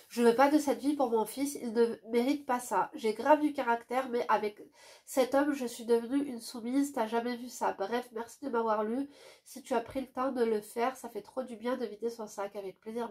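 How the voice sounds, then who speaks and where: A woman with a stuffy, nasal voice from a cold, reading a viewer's letter aloud and dropping to soft asides between passages. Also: steady tone. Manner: drops to a soft, low voice for quick asides.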